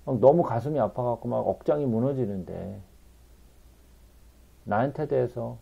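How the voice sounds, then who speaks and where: Male Bible teacher, gravelly and husky, emphatic, keeps prompting listeners; muffled lo-fi recording. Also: mid-range voice, normal speed.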